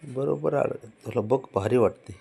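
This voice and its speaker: A man's voice: mid-range voice, normal speed, creaky, mellow, slight background noise. An older man, the grandfather, coaxing and babying the family cat in a casual home video.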